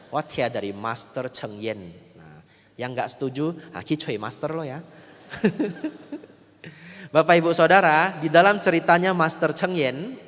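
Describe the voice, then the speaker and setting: A man, a Buddhist monk giving a lively dharma talk that often turns to the audience. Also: mid-range voice. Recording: long reverb of a large hall.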